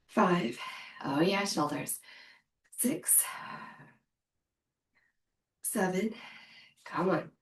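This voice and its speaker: A woman's voice: mid-range voice, slow, pauses often. A woman in her thirties leading a live home workout, counting reps and cheering the viewer on. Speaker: fitness instructor. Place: room at home. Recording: echoey room from far off.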